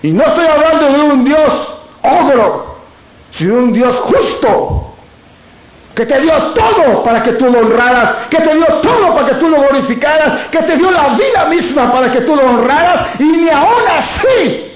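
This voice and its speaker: A man preaching a sermon with passion, stretching his words for emphasis and breaking into shouts. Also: very high voice, big pitch swings, normal speed. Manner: impassioned preaching, shouting at times. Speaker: pastor. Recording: echoey room over a tinny phone-like line.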